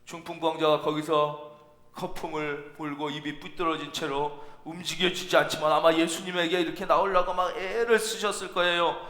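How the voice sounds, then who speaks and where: A man preaching a sermon as pastor, animated, acting out imagined voices and repeating phrases for emphasis. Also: on the high side, moderate pace. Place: church sanctuary. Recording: echoey church hall.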